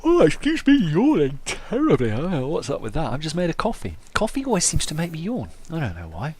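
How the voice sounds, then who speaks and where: A man with a slightly high, a little mellow yet slightly rough voice gives brisk playthrough commentary marked by huge pitch swings. His humour is wry and self-deprecating, and faint noise can be heard in the background.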